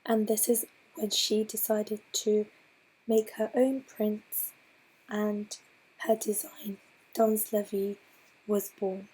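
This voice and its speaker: Hoarse ill woman presenting slowly. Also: mid-range voice, flat delivery, a little mellow, rough recording. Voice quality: breathy, partly whispered. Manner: slow, halting, restarts phrases. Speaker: student presenter. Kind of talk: slide presentation voice-over.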